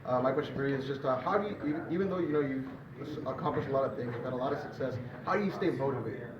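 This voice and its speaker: A man's voice: medium pitch, racing. A man working as a reporter, asking questions off the cuff and rephrasing as he goes. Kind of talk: spontaneous press questioning. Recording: distant, muffled, echoey, chatter behind.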